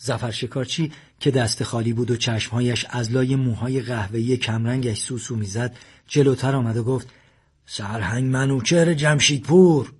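A man narrating a story aloud in a quiet, steady way. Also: mid-range voice, husky.

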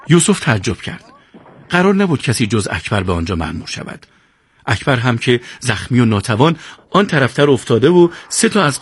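A man narrating a war story as an animated storyteller. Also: mid-range voice, slight background noise. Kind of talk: scripted audiobook narration.

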